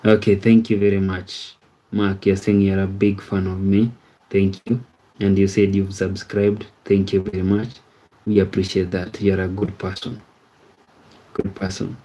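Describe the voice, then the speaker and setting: Reading comments during a casual stream, the host, a man in his thirties, rambles, repeats himself, and keeps asking viewers "you see?". His dark voice sits low with little pitch movement and a slightly slow pace, and the audio is poor.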